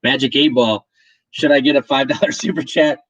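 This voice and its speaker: A man's voice: medium pitch, steady tone, fairly quick, fairly bright tone, highs cut off. A man hosting a casual livestream, talking in a chatty, rambling way with many restarts. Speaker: livestream host. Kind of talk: casual chat.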